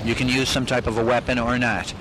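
Deadpan man on an old street recording. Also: mid-range voice, a little fast. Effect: old archival street recording. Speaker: radio prankster posing as a filmmaker. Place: city street outdoors. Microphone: handheld microphone. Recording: noisy early 1960s street recording. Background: street traffic.

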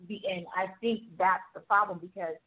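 A Jamaican woman, an author appearing as a guest, shares stories from her life in casual conversation, speaking earnestly with fillers like "like" and "you know." Her mid-range voice stays steady at normal speed, and the audio is tinny and phone-like.

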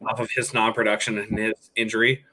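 A man's voice: lowish voice, level tone, brisk, bright, forceful tone. A man co-hosting a sports podcast, talking through player contracts in a casual, analytical way and repeating phrases as he builds his point. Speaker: podcast co-host.

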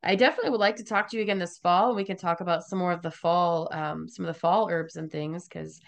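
A woman's voice: lowish voice, fairly even intonation, quick pace, vocal fry. A woman hosting a podcast interview, chatty and emphatic as she tells stories and gives warnings. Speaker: podcast host.

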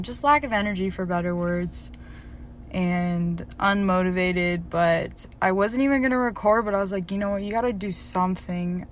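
A woman's voice: mid-range voice, a little hiss or hum. A young woman vlogging in a candid diary style, reflective and emotional, rambling with many fillers and self-corrections. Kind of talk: personal diary vlog.

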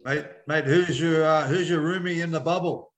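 An Australian man with a somewhat high voice talks sport as a co-host. His delivery is casual and conversational. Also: steady tone, normal speed. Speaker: podcast co-host.

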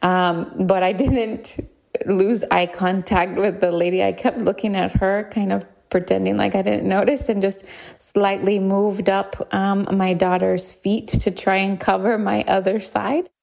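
Gravelly-voiced mom telling a story. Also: female voice, medium pitch, flat delivery, measured pace, a little mellow. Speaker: mother sharing a story. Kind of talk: recorded anecdote.

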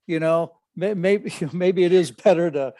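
An older man, a father co-hosting a podcast, talking in a halting way with many restarts. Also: high-pitched, dark tone, no room sound, studio quality. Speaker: podcast co-host, the other host's father. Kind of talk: casual chat.

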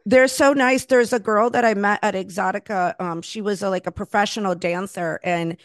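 A middle-aged woman from Florida talks with a podcast guest in a relaxed, chatty way. She reminisces easily and encourages the guest. Her voice sits close and dry, with no room sound around it. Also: medium pitch, normal speed, no echo. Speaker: podcast host. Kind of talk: casual interview chat.

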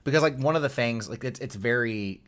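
A man's voice: medium pitch, a little fast, fairly bright tone. A man co-hosting a podcast, rambling in casual chat with lots of fillers and casual swearing. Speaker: podcast co-host.

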